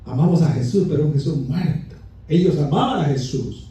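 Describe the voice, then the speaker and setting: A man's voice: a little high, expressive, fairly quick, mellow. A man preaching a Pentecostal sermon with fervent delivery, often calling his listeners brother, heard from some distance in a church. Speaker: pastor. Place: church sanctuary. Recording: echoey church from far off.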